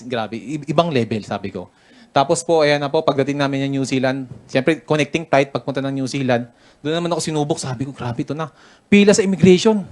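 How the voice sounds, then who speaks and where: The voice sits on the high side with a darkish tone. It belongs to a Filipino business mentor giving a motivational, story-driven talk, chatting and joking and laughing as he goes.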